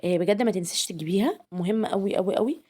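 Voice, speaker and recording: Egyptian woman, young adult, home vlog, very fast chatty talk, mellow voice. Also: medium pitch, slightly rough. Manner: chatty, addresses viewers as girls, asks their opinion. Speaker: homemaker vlogger.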